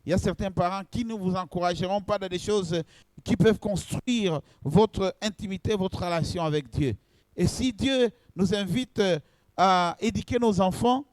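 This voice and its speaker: High-voiced man preaching a sermon. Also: a little mellow, no room sound. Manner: preaching with short phrases and pauses; addresses the congregation directly. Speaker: pastor.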